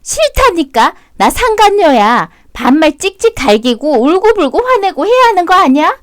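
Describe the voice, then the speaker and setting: Woman playing a clingy older mistress, shrill, bossy, high and swooping, dry close sound. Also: big pitch swings, normal speed, no echo. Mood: shrill angry.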